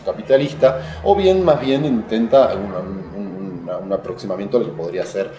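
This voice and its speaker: This interviewed writer speaks with a Uruguayan accent in a fairly low voice at a moderate pace, drifting reflectively through a conversational literary discussion while often reaching for words. Crowd noise, a roomy echo and noticeable background noise fill the recording.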